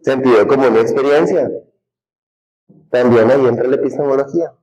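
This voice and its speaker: A man's voice: mid-range voice, a little fast, dark tone, highs cut off. Male teacher quizzing his class. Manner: conversational, quizzes the class with questions. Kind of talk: classroom lecture.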